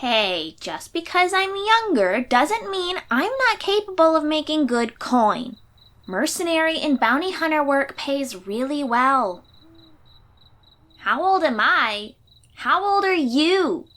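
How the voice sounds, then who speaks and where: In a fantasy audio roleplay, a woman voices a thirteen-year-old girl warrior from the sea, confident, chatty, perky and informal. Her voice is high, a bit bright and heavily acted, very animated yet slow-paced, with a friendly, confident mood.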